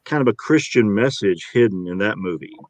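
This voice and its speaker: A man's voice: fairly low pitch, expressive, brisk, no room sound. A middle-aged man, an actor, talking in an interview in a rambling, upbeat way with many restarts. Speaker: actor and guest. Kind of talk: interview conversation.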